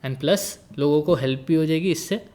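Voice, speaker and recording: This man's voice sits on the high side and sounds warm, moving at a moderate pace. He's in his late twenties, a guest chatting casually, joking easily and mixing English into his Hindi.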